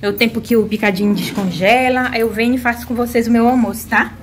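A woman from Belém with a Paraense accent, chatting casually to her viewers in a home vlog, lively and quick to exclaim, filmed on a handheld phone around her yard and rooftop. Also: a little high, noisy background. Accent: Paraense Brazilian Portuguese. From Belém, Pará, Brazil. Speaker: vlogger.

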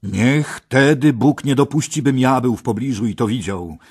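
A man's voice: mid-range voice, normal speed, a little mellow, husky, pitched above the performer's own voice, natural voice. A man voicing an earnest young knight who pleads with his king in an audiobook. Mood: impassioned. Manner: pleading, impassioned.

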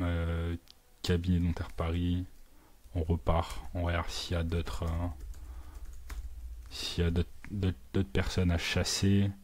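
A man with a deep, steady voice talks through his own work as it happens. His pitch barely moves, and he fills the gaps with hesitations and small sound words, easily mixing English terms into the flow. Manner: thinks aloud with many fillers and sound words; mixes English business words into French. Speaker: digital marketing agency owner. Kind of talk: live screen walkthrough, casual.

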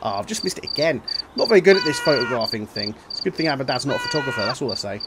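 A man commentating his own playthrough of a game in an animated, joking, self-mocking way, full of exclamations. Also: medium pitch, very fast, very noisy. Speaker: gaming video host. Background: game music.

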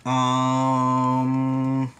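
A man's voice: mid-range voice, monotone, drawn-out words, background noise. A young man and nursing student giving a casual, rambling exam review, full of slang and repeated asides. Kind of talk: casual study review vlog.

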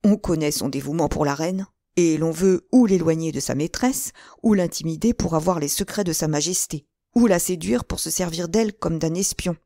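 A woman narrating a classic novel as an audiobook, in a steady, measured way. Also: low-pitched, dry recording, clean studio sound. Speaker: audiobook reader.

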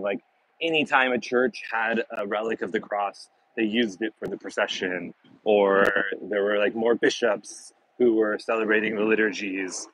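A man's voice: on the low side, fairly bright tone, no room sound, poor audio. A man giving a casual walking tour outdoors, talking in a loose, chatty way with many fillers and restarts, recorded on a handheld camera. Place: outdoors on city streets and in a garden. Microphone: handheld phone camera, speaker off screen.

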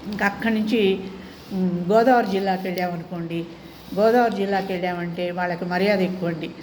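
A woman's voice: on the low side, steady tone, fairly quick, a little mellow, slight background noise. A middle-aged woman talking casually to her viewers, explaining things politely and often mimicking how other people talk. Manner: polite, adds respectful 'andi' to many sentences. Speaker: vlogger.

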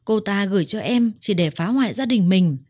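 Guilty young husband, pleading, mellow dark tone, dry sound, woman narrator voicing him. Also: medium pitch, expressive, moderate pace, no echo, lightly acted.

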